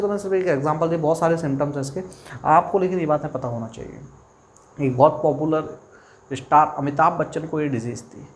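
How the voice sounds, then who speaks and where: Guy teaching a biology class, asks then answers his own questions, repeats key words, bit of faint hiss behind. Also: a little high. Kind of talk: exam-prep lecture.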